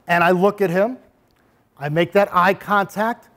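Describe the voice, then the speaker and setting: A man presenting a bully prevention workshop to parents and children, animated and acting out examples as he goes. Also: high voice, unhurried. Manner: animated, acts out examples with sudden voice changes. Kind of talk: interactive workshop talk to parents and kids.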